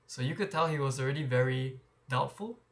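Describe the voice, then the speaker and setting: Speaking fairly quickly at a medium pitch, a young man shares candid reflections in a casual vlog. He often starts over and repeats words, and a mic clipped to his shirt records him.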